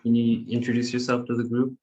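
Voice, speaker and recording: A man facilitating an online youth meeting, speaking in a measured, formal way as he reads prepared remarks over a video call. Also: mid-range voice, completely flat delivery, mellow, breathy edge.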